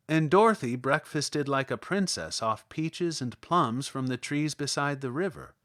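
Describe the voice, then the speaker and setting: Reading a storybook for an audiobook, a man uses a slightly high voice that swings in animated ways. The recording is dry and close, with no room sound.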